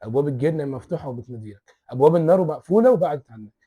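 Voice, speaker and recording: A young man with an Egyptian accent giving a fervent religious pep talk, rapid and insistent, swearing oaths for emphasis. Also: fairly high pitch, lively intonation, breathy edge, phone-quality sound. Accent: Egyptian Arabic. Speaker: religious speaker.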